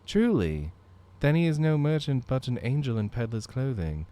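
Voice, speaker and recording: A man's voice: mid-range voice, sing-song, normal speed, dark tone, voice pushed up, natural voice. A man voicing a formal, earnest young noble scholar.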